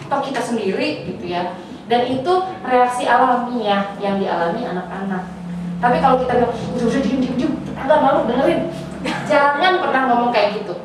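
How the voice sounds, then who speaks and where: High-voiced woman in an echoey hall. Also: noisy background. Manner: lively, acts out child and parent voices in examples. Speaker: parenting seminar speaker. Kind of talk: seminar talk answering questions. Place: preschool seminar room. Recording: echoey hall, from far off, with audience.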